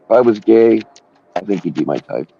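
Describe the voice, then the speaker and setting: A man's voice: lowish voice, animated, normal speed, mellow, breathy edge, no echo, highs cut off. A man hosting a livestream, chatting casually and rambling with crude jokes. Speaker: livestream host.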